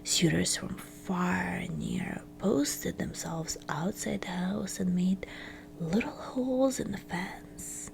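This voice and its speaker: This ASMR fairytale reading comes from a woman at medium pitch, whispering in a breathy, crackly way with soft, hushed phrasing and gentle pauses.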